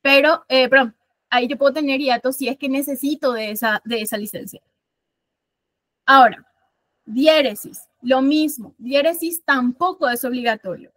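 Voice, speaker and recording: A woman's voice: high-pitched, moderate pace, a bit bright, no room sound. A woman from Paraguay teaching a literature class, explaining things step by step, counting syllables aloud and often correcting herself mid-sentence. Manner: frequent self-corrections and fillers. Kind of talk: online class lecture.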